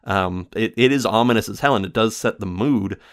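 A man's voice: on the low side, fairly quick. A man hosting a casual film review show, rambling with many fillers and self-corrections and laughing often.

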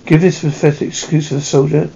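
A man's voice: a little high, level tone, fast talker, creaky, warm tone, slightly rough, dull audio. A man playing a stern army major who runs a prison camp, curt and contemptuous. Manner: curt, scornful.

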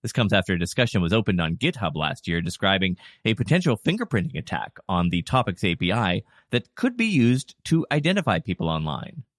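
Animated man presenting podcast news. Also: low-pitched, brisk, hardly any pauses, no echo, studio quality. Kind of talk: scripted news narration with casual personal asides.

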